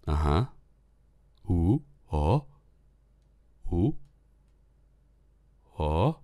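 A sick man with a low voice and a cough, chatting casually as a YouTuber reacting to funny videos. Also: extremely slow. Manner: lively reactions, pushes voice high when emotional.

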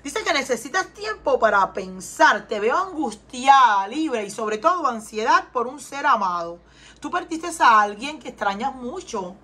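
A woman's voice: sits high, big pitch swings, normal speed, sharp tone, slightly rough. A Cuban woman with a Cuban Spanish accent, giving an earnest tarot reading to her viewers and often asking them questions. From Cuba. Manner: earnest, repeats questions and asks viewers to respond. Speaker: tarot reader. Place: home in Texas.

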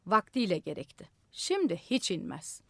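Woman voicing a slow, sly old man, storybook reading, lively pitch, dry sound. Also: no echo. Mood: calm knowing. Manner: slow, unhurried, measured. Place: radio studio.

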